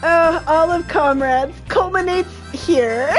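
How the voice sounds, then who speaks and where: A woman's voice: very high-pitched, takes it slowly, faint music behind, poor audio. A woman streaming a video game, chatting with her audience and laughing often in delight. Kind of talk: live game commentary.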